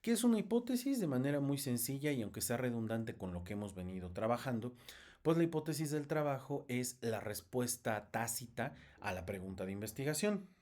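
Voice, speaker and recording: A man's voice: mid-range voice, expressive, a little fast, a little mellow. A man teaching research methods in a recorded lecture, explaining step by step with frequent fillers and restarts.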